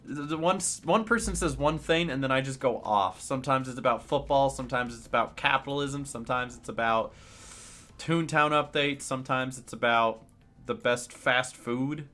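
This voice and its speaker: A man in his late twenties livestreams a game, chatting casually and ranting sarcastically as he responds to chat. His mid-range voice moves at normal speed with a bright, forceful tone.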